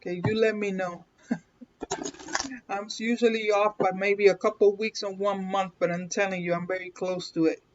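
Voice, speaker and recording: Speaking at normal speed in a steady, mid-range voice, a Puerto Rican-accented woman runs a chatty livestream card reading. She laughs a lot and keeps asking her audience "okay?", and the dull lo-fi audio carries a little hiss or hum.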